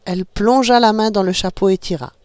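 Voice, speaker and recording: A woman reading a children's story aloud in an expressive, animated way. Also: medium pitch, fairly quick, smooth, no room sound, studio quality.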